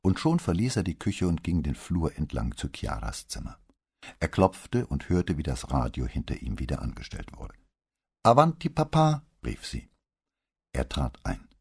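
A male audiobook narrator with an extremely low, husky voice. He reads in a measured storytelling manner. His pitch moves in lively arcs through the sentences. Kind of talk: scripted narration.

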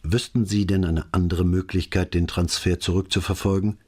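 A man's voice: low-pitched, steady tone, moderate pace, a little mellow, slightly rough. A man voicing a stern, controlled police commissioner who asks firm, insistent questions.

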